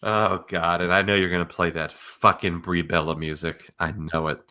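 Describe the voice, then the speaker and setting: Another low, level male voice co-hosts the same kind of laid-back wrestling commentary podcast, speaking at a normal speed in a bright, forceful, clean tone. His delivery is emphatic and exasperated, with a bit of swearing mixed in.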